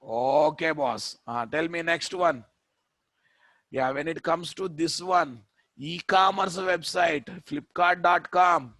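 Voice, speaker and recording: A male programming instructor speaks with a Telugu Indian accent in a fairly high voice. He lectures in a classroom style, repeating key phrases emphatically and throwing questions at his listeners. The sound is dry, with very little echo. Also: takes it slowly, pushed and bright.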